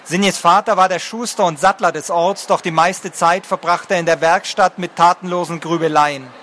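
Bright-voiced male storyteller. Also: high-pitched, steady tone, normal speed, a little hiss or hum. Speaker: audiobook narrator. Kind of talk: scripted fantasy narration.

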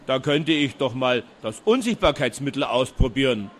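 A man's voice: medium pitch, animated, moderate pace, a bit bright, slight background noise, close to an everyday voice. A man voicing a bumbling, curious male lab assistant who mumbles to himself, in a storybook reading. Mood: mumbling.

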